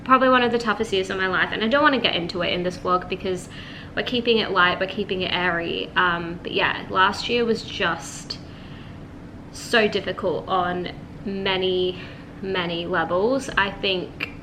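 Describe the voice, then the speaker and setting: A woman in her twenties chatting casually to camera at home as a vlogger, relaxed and full of "like". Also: fairly low pitch, moderate pace. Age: 20s. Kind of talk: casual vlog chat. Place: at home, indoors. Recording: noticeable room ambience noise.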